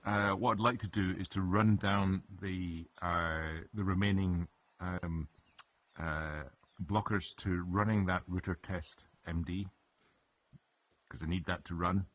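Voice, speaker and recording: Low, husky man thinking aloud. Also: fairly even intonation, slow, fairly bright tone. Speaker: software developer on a work call. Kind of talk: casual technical chat.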